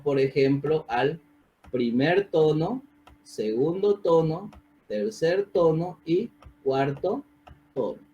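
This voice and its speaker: A man teaches physiopathology over a video call. His voice sits a little high, and he keeps asking students questions and checking that they follow. It sounds like a computer mic. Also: warm tone, lo-fi sound. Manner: asks the class questions, checks with "¿sí?". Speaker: physiopathology lecturer. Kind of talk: online medical lecture.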